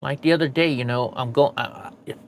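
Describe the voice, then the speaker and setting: Quick-paced and creaky, a medium-pitched male voice comes through with a bit of hiss or hum. This American show host and streamer with missing front teeth vents casually to his audience, swearing throughout a candid, rambling talk.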